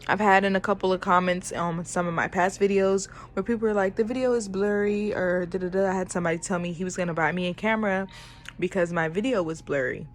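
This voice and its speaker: A young woman in her twenties talks casually to her phone camera from home, voice sitting at an ordinary middle pitch. She rambles along with plenty of fillers and the odd playful exclamation. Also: fairly even intonation, fast talker. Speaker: vlogger. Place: at home, indoors.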